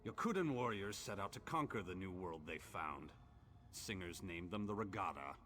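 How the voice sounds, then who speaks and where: Very deep old orc prisoner, bitter n grave, dramatic fantasy game talk, noisy background. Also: male voice, animated, sharp tone. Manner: solemn, theatrical, slow archaic storytelling. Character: ancient imprisoned male orc, bitter, lovelorn, grave.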